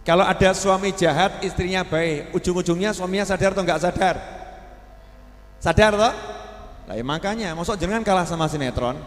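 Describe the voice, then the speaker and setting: A man's voice: high voice, fairly quick, faint music behind. A man preaching a sermon, asking the congregation questions and briefly acting out the people he quotes. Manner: animated, acts out quoted voices, asks the audience questions. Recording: echoey hall.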